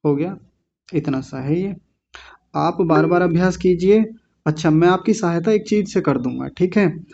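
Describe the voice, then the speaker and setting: A man's voice: high-pitched, normal speed, vocal fry, darkish tone, slight background noise. A man teaching Sanskrit in an online class, sternly correcting his students and breaking words into syllables. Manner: stern, scolding students, drilling pronunciation syllable by syllable. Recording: dull lo-fi audio.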